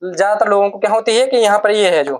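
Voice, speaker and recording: Male teacher, classroom lecture; dictates slowly, repeats phrases, answers his own questions. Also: sits high. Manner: dictates slowly, repeating words for students to note down; asks questions and answers them himself.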